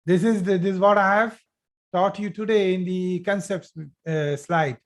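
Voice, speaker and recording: A man teaching a live online grammar class over a video call, patiently repeating each sentence slowly before explaining it. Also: high voice, steady tone. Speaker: Arabic teacher.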